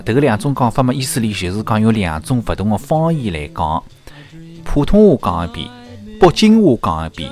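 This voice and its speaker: A man with a Shanghainese accent hosting a joke-telling show, mixing Shanghainese and Mandarin and laughing at his own punchlines. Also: on the low side. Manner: lively, switches between Shanghainese and Mandarin, laughs at own jokes. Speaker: radio-style comedy host.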